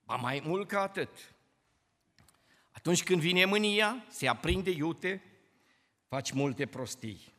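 A man's voice: a little high, expressive, pauses often, sharp tone. Impassioned preacher man in reverberant church. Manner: impassioned, rising and dropping sharply for emphasis. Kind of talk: sermon. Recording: long reverb of a church hall.

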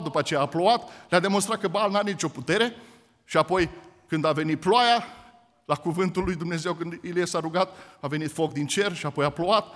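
A man's voice: sits high, a bit bright. A man preaching a sermon, retelling a scripture story with emphatic storytelling and acted-out voices. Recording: reverberant hall.

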